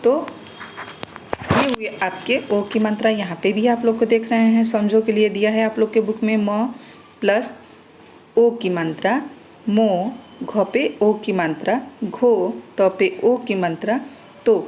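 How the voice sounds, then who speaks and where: A woman teacher giving an online class to young children, reading words out slowly syllable by syllable. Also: medium pitch, darkish tone, a little hiss or hum, poor audio.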